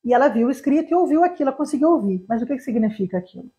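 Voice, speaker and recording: A woman's voice: high-pitched, animated, racing, dark tone. A Brazilian woman, an English teacher, giving a live online lesson, explaining animatedly with examples and rhetorical questions. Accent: Brazilian Portuguese.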